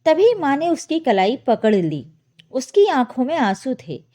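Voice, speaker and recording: A woman narrating a scripted moral story in an expressive way. Her voice is high and swings widely, and the tone is dark and mellow. She reads at a slow, unhurried pace.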